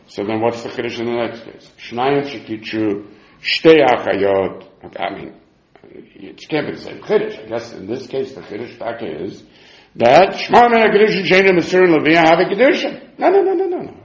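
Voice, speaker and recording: A man with a slightly high, darkish voice teaches an informal Talmud lesson, reasoning aloud in a sing-song manner. He poses questions and answers them himself, recorded in a dull, echoey room.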